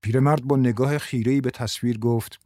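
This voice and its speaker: A man narrating an audiobook in an even, unhurried storytelling manner. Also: medium pitch, no echo, studio quality.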